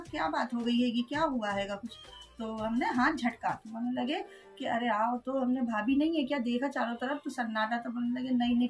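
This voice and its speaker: A woman tells an interviewer her story in a high voice. She retells events step by step and quotes the others' words, with soft music under her. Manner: storytelling, quoting others' words, frequent "haan, ji". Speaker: interviewee recounting an incident. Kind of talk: emotional first-person account.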